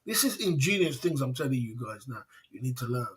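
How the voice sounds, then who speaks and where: A middle-aged Englishman hosts a casual livestream in a sing-song, mid-range voice at a fairly quick pace. He's boastful and repetitive, and he acts out dialogues as he talks.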